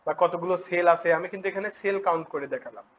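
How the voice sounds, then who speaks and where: A man teaching a spreadsheet class, often asking students quick check questions. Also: high voice, a bit bright. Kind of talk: spreadsheet tutorial. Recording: dull lo-fi recording with faint noise.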